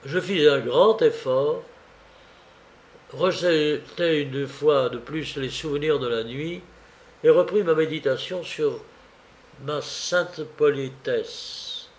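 A man narrating a literary audiobook in a measured, deliberate way. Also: a little high.

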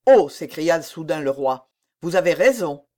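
Brief: woman narrator voicing a jealous, lovesick young king, lively pitch, slow pleading delivery, storybook reading. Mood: anguished. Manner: pleading, heated outbursts.

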